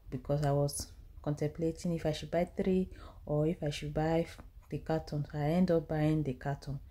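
Chatty Nigerian woman, low mellow voice. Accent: Nigerian English, with Pidgin. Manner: chatty and animated, mixing English with Pidgin. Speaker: cooking vlogger. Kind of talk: casual voice-over narration of a cooking vlog. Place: home kitchen.

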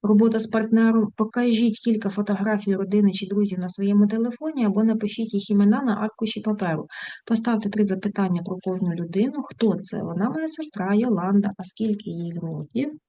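Mellow-voiced woman teaching an English lesson. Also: medium pitch, fast talker. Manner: reads textbook lines then translates; affectionate diminutives to students.

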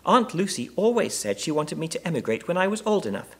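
Storybook role: small young bear, performed by a man, high small voice, impeccably polite, earnest and a touch self-important. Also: sing-song, fast talker, heavily acted. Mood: wistful, earnest. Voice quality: small, clear voice. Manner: polite, proper, precise.

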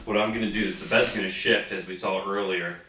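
A man co-hosts a vlog in an upbeat, chatty way, laughing easily between his lines. His voice is low but bright and forceful. It comes across as relaxed everyday talk to the camera. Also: quick pace, slight background noise. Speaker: vlog co-host. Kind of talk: casual vlog chat.

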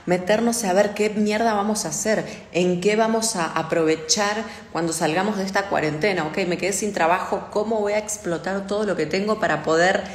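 Chatty and candid, this young adult livestream host swears frequently as she reads viewer comments on her phone stream and replies. She speaks at normal speed with a medium pitch, fairly even intonation and few pauses, in an echoey room with long reverb.

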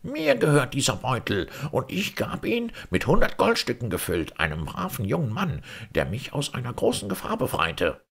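A man voicing an indignant old grand vizier in a fairy-tale reading, declaiming loudly with outrage. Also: lowish voice, big pitch swings, normal speed, vocal fry, hardly any pauses, breathy edge, pitched above the performer's own voice, exaggerated voice. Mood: outraged. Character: indignant elderly grand vizier, proud and oath-swearing.

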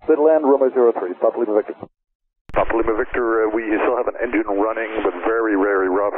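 A man speaking as a pilot over the aircraft radio, using clipped radio phrases and pausing often with "uh". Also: fairly low pitch, background noise. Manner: clipped, halting with frequent uh. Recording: tinny, dry aviation radio transmission.

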